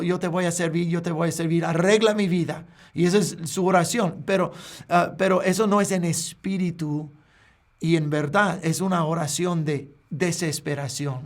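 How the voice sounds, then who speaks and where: Male pastor, sermon delivery; slow, earnest, stop-start phrasing, raised pitch with a gravelly edge. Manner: earnest, halting with frequent restarts.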